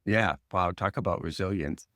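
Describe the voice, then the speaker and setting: A man's voice: sits low, moderate pace, fairly bright tone, dry recording, studio quality. A middle-aged man hosting a podcast interview, friendly and encouraging in casual chat. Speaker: podcast host.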